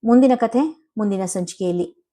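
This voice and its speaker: A woman storyteller reading a family drama aloud in a steady, measured way. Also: medium pitch. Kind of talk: scripted narration of a family drama.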